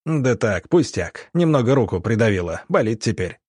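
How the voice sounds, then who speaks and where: A man voicing a gruff, blunt male train commandant in an audiobook, with a hoarse, barking way of talking. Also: medium pitch, big pitch swings, normal speed, a little mellow, no echo, clean studio sound. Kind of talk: audiobook character voice.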